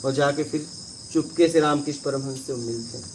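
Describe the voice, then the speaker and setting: A man's voice: a little high, fairly quick, noisy background. A man giving a conversational spiritual discourse, telling parables and often checking in with his listeners. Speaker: spiritual teacher.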